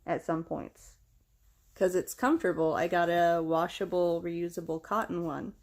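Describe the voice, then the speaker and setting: A woman's voice: fairly low pitch, fairly even intonation, unhurried, darkish tone. A young woman from the United States talking candidly and casually about herself, in a self-deprecating, conversational way. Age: young adult. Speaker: vlogger. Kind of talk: casual chat.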